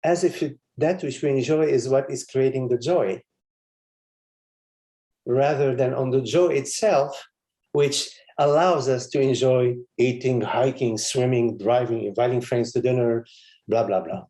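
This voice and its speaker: A man's voice: mid-range voice, a little slow, dark tone. A man, a spiritual teacher, giving a meditative live satsang talk in a meandering, conversational way with frequent chuckles and asides.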